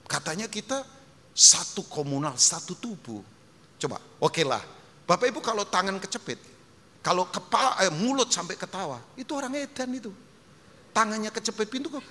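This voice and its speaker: A man preaching a sermon as pastor, emphatic and animated, acting out quotes and dropping English phrases. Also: sits high. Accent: Indonesian. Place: large church hall. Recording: long hall reverb, faint noise.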